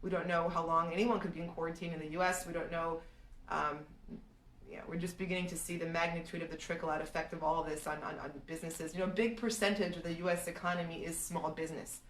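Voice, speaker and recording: In a live stream, a Serbian woman who analyzes real estate responds to viewers' market questions, thinking aloud and restarting frequently. She speaks quickly in a low, level voice, far from the mic, in an echoey room with a little hiss or hum.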